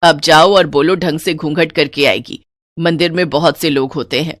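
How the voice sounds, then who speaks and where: A woman's voice: low-pitched, moderate pace, fairly bright tone, no room sound, clean studio sound. A woman voicing a strict, old-fashioned older mother-in-law in a cartoon story, scolding and commanding her daughters-in-law. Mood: stern.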